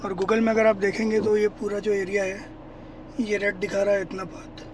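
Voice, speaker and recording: This high-pitched, monotone man talks at a moderate pace against a noisy background. Laughing frequently, the travel vlogger chats and jokes through a casual family road-trip vlog shot at a roadside stall, in the car and at the family home.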